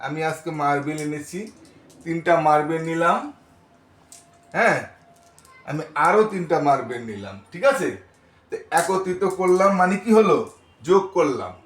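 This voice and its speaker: A male primary teacher counts aloud slowly and patiently for young pupils. His voice sits a little high for a man. The sound carries a noticeable room echo. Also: animated, fairly bright tone. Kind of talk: first-grade math lesson.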